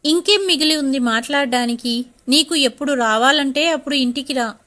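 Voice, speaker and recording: An angry, cold young husband, voiced by a woman narrator in an audio story. His words come out cutting and bitter, in a bright, high voice. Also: moderate pace.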